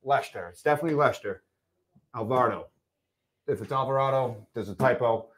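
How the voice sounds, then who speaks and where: A man's voice: medium pitch, fairly quick, crowd noise. A man co-hosting a fight podcast, giving a plain commentator-style rundown of fighters' records and skills. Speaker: podcast co-host. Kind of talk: casual fight-promotion podcast chat.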